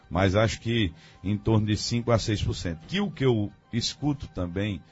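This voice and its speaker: This man speaks in a very low, husky voice, pausing and restarting as he weighs his views on a radio talk show. The sound is dull and lo-fi, with faint music underneath. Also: darkish tone. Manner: hesitant, thinking aloud with many fillers. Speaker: guest commentator. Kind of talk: radio debate analysis.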